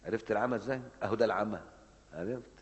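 A man preaching a Ramadan mosque lesson in an Egyptian Arabic accent, animated and scolding, asking rhetorical questions and answering them himself. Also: fairly low pitch, rapid-fire, big-room sound.

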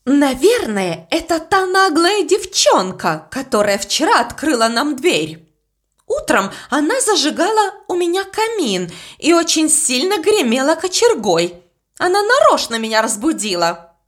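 A woman voices a strict, suspicious governess, snapping out angry accusations. Her voice sits high, above her own natural pitch, with a sing-song, unhurried delivery.

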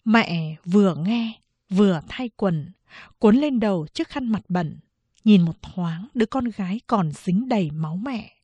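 A woman reading a novel aloud in slow, measured audiobook narration. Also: medium pitch, expressive, warm tone, slightly rough, dry recording.

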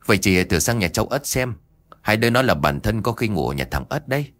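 Man voicing middle-aged neighbor, reassuring, plain-spoken, low voice, dry sound. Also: big pitch swings, fairly quick, fairly bright tone, no echo.

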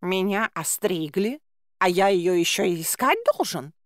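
A woman's voice: on the low side, unhurried, dry recording, studio quality. A woman voicing a smug, lazy, fat male talking cat in an audiobook, drawing out his words in a self-satisfied way.

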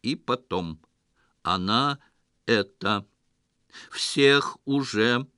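A man doing a flat metallic robot saucer. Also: mid-range voice, drawn-out words, smooth, dry recording, clean studio sound. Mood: pleading. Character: flying saucer speaking in an even metallic robot voice. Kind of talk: audiobook reading.

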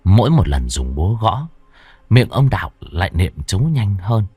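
A man tells a ghost story with a very lively pitch that rises and falls dramatically. His voice sounds dry and close, with soft music underneath. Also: moderate pace, husky, no echo. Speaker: narrator. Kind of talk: storytelling narration of a horror tale.

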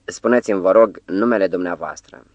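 A man narrating an audiobook voices a groggy, hungover theater director, who speaks in a hoarse voice and drags out his words haltingly. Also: fairly low pitch, steady tone, no room sound, lo-fi sound, natural voice.

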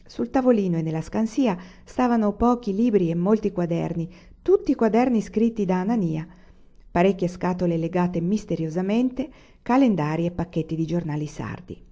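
Audiobook reader: woman, low mellow voice, measured expressive reading, muffled recording. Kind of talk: literary audiobook narration.

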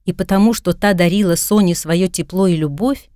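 Low, mellow woman narrating a novel. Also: fairly quick, no room sound, studio quality. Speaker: audiobook narrator. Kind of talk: scripted narration.

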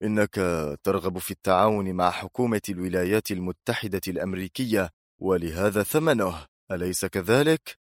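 A man's voice: deep voice, fairly quick, no room sound, clean studio sound, natural voice. A male narrator voicing a stern, cold, commanding intelligence chief who speaks firmly and curtly in an audiobook. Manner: firm, curt, steely. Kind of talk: audiobook character voice.

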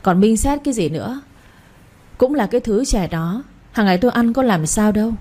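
An old family matriarch, stern and used to being obeyed, as a woman narrator puts her on. She scolds and gives orders in a mellow, breathy tone. It sounds like a read-aloud audio story. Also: a little high, lively intonation, a little fast. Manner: commanding, scolding.

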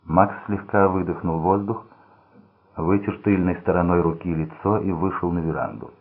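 A man reading a crime novel aloud in a steady, measured way. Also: low voice, slightly rough. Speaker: audiobook narrator. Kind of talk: scripted crime novel narration. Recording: tinny phone-like sound.

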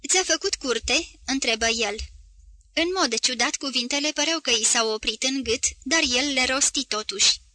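A woman narrating a literary novel as an audiobook, with a measured, even delivery. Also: sits high, no room sound.

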